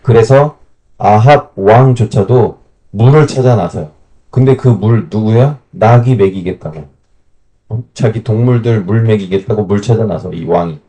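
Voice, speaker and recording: Man retelling Bible stories in a warm voice. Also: lowish voice, moderate pace, breathy edge. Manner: lively colloquial storytelling with questions to the class. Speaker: Bible teacher. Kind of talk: Bible camp lecture.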